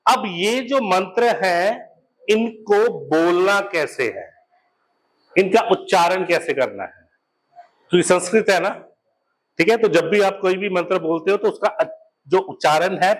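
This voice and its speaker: A man's voice: high voice, lively intonation, rough recording. A male teacher lecturing a class, switching between Hindi and English and spelling out key words for his students to write down. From India. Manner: mixes Hindi and English, slows right down to dictate and spell out words. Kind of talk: classroom lecture, dictating notes.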